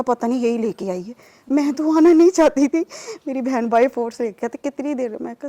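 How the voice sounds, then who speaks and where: A woman's voice: a little high, darkish tone. A woman from Pakistan giving an earnest personal testimony in an interview, growing emphatic and pleading as she recounts. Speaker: testimony giver.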